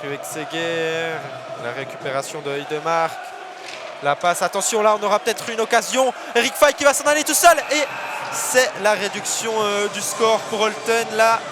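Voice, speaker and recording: A man co-commentating live ice hockey, animated and raising his voice on big plays. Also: sits high, normal speed. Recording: crowd noise and music behind commentary. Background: arena crowd and music.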